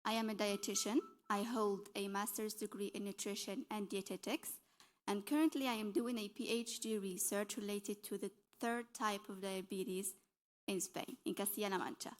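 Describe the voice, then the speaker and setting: A woman's voice: mid-range voice, steady tone, normal speed. A young woman from Algeria giving a conference presentation as a dietitian, explaining earnestly and correcting herself as she goes. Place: conference session hall.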